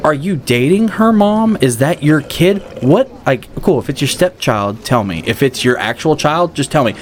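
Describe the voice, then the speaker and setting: A man's voice: fairly high pitch, moderate pace, a little hiss or hum. A man casually reviewing a movie with a friend, swearing freely and acting out scenes. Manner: profane, animated, acts out scenes.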